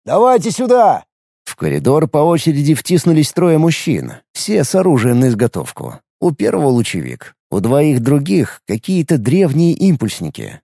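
A man narrating an audiobook in an expressive storytelling manner. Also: mid-range voice, normal speed, creaky, few pauses, no echo, studio quality. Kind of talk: scripted narration.

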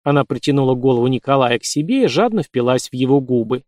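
A man's voice: medium pitch, animated, quick pace, darkish tone, dry recording. Male audiobook narrator, dry close sound.

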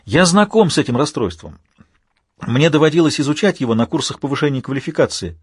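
A raised, animated voice of a lecturing male psychologist, as a man reads him. He explains in long, eager runs, slightly husky and close to the mic in a dry room. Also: a little high, a little fast, dry recording, voice pushed up.

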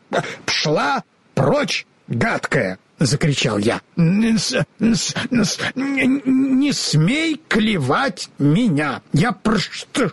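A good-natured scarecrow stuffed with straw, who stumbles over sounds and blurts the wrong words, as a man puts him on. His voice sits high and bounces around, with a husky edge. It is close and dry. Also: a bit bright, dry recording, exaggerated voice. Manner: stammering, mixing up words. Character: kind, naive talking scarecrow stuffed with straw. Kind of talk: audiobook character voice.

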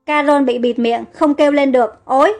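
High-voiced woman narrating a story. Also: steady tone, fairly quick, darkish tone, faint music behind. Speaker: story reader. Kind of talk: audiobook narration.

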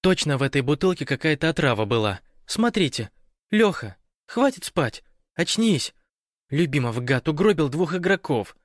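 A man's voice: on the high side, lively intonation, fairly quick, hardly any pauses, no room sound, voice pushed up, lightly acted. A bossy young woman in a spoken storybook, as a male reader puts her on. She scolds with an indignant, raised, ringing voice. The recording is close and dry.

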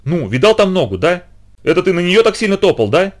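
A man's voice: very animated, fairly quick. A man voicing a young tattletale girl who mocks and shrieks at the other children. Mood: excited. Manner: shrill, mocking. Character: young girl, tattletale crybaby, shrill and teasing.

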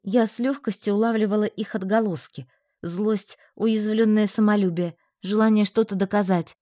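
A woman narrating a first-person novel in an even, measured reading. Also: mid-range voice, no room sound, clean studio sound. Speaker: audiobook narrator.

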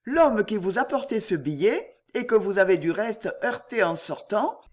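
A flustered, kindly innkeeper woman chatters breathlessly from a storybook, as the reader puts her on. Her voice sits high above the narration and swings up and down with lively pitch. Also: normal speed, close to an everyday voice. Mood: chatty.

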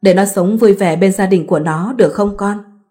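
A fussing older village mother from a read-aloud story, quick to scold, as a woman reader puts her on. The pitch sits in a middle register for a woman. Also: warm tone, natural voice. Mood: gentle.

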